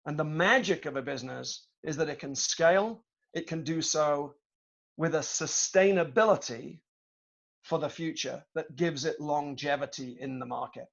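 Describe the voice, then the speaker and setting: A middle-aged British man giving a storytelling talk to students over a video call, measured and reflective, with frequent hesitations. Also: a little high, gravelly, lo-fi sound. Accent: British English. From Britain. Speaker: guest speaker, tech executive.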